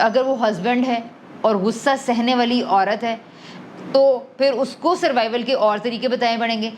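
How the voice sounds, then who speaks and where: A woman with a slightly high voice speaks over a faint hiss or hum. She's an adult parent appearing as a podcast guest on emotional wellbeing, explaining ideas in a thoughtful, conversational way, mixing in English terms and frequently restarting her sentences.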